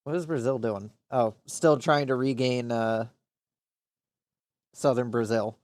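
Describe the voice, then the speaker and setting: A man's voice: mid-range voice, fairly even intonation, measured pace, a little mellow, no room sound, studio quality. A man casually commenting on his strategy game during a live stream, rambling and muttering to himself with frequent swearing.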